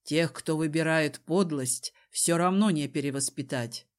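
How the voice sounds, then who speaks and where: A woman voicing a powerful man who threatens calmly and mockingly, in a slow, dropped voice. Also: low voice, voice pushed down. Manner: slow, calm, mocking menace.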